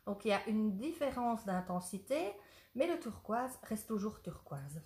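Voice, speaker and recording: A woman's voice: medium pitch, lively intonation, unhurried, darkish tone. Chatty woman demonstrating pottery glazes. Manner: chatty, enthusiastic, loses her thread. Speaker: ceramics shop owner. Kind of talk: casual product demonstration. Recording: roomy echo.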